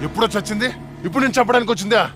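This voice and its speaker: A man's voice: high voice, racing, music in the background, natural voice. An actor playing a male gang boss who coolly scolds his nervous underling. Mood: scolding. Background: film score.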